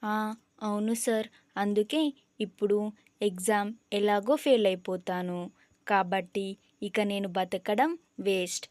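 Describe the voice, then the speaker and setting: A woman's voice: medium pitch, fairly even intonation, a little slow, pauses often, darkish tone, no echo, natural voice. A woman voicing a dramatic young female student who whines and pleads tearfully in a storybook. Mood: melodramatic whining. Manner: whiny, melodramatic pleading.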